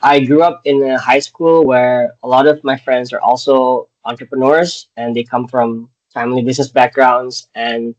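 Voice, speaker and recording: A man's voice: mid-range voice, steady tone, normal speed, hardly any pauses, a little mellow. A man from Indonesia hosting a podcast interview over a video call, hesitant and full of filler words. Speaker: podcast host. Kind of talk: casual interview. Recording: dull lo-fi video call audio.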